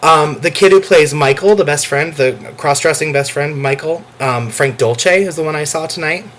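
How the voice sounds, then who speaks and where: A man talking in an excited casual vlog, gushing and emotional, close to tears, with sudden jumps into a high voice. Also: normal speed, slight background noise. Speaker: vlogger reviewing a show.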